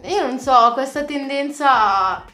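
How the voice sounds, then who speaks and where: A woman talks openly in a casual conversation, her voice sitting fairly high. She speaks in a frank, confiding way, like someone sharing things with a friend. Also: fairly even intonation, unhurried, a bit bright, echoey room, soft background music. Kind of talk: casual chat.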